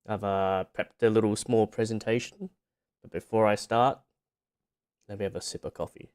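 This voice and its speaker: A man's voice: on the low side, steady tone, moderate pace, a little mellow, clean tone. A man streaming in a casual, rambling, informal way, lightly self-deprecating as he talks to his viewers. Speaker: VTuber streamer on debut stream. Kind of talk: casual livestream chat. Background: background music.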